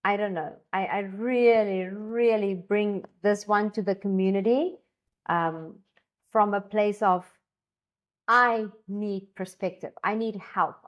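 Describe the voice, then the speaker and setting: A South African woman who speaks Afrikaans, a co-founder and education designer, chats casually and with real enthusiasm. Her medium-pitched voice comes through with lo-fi sound quality, and she rambles along with plenty of fillers and restarts.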